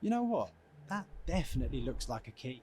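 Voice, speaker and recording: A man's voice: mid-range voice, big pitch swings, quick pace, mellow, a little hiss or hum, lightly acted. An actor playing a young man, an informal, chummy and teasing companion in a video game.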